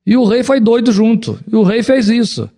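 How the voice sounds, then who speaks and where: A middle-aged man, preaching a sermon as pastor, swinging between raised exclamations and low, solemn passages. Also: moderate pace, mellow.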